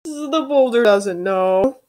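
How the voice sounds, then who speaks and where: A woman playing a simple, stubborn, soft-hearted giant who talks about themself in the third person. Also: a little high, expressive. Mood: earnest, stubborn. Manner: slow, speaks of self in third person.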